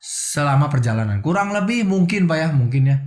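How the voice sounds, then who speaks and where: A man's voice: fairly high pitch, big pitch swings, brisk, a little mellow. Man, earnest testimony, interview guest, respectful, echoey room. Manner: earnest, addresses host as Pak often. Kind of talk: emotional personal testimony. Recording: roomy echo.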